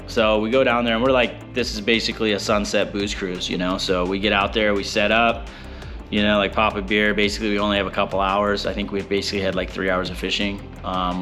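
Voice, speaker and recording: A fishing boat captain, a man, telling a story in a rambling, animated way with many fillers. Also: on the low side. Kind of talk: casual storytelling.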